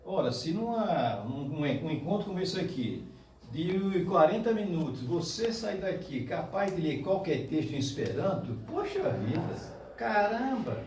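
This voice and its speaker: Lively Brazilian man teaching, echoey and distant. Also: fairly high pitch, slight background noise. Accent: Brazilian Portuguese. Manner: lively, exclaims and drills pronunciation slowly. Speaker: Esperanto teacher. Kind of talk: classroom demonstration lesson. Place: club meeting room with audience. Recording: echoey room from far off.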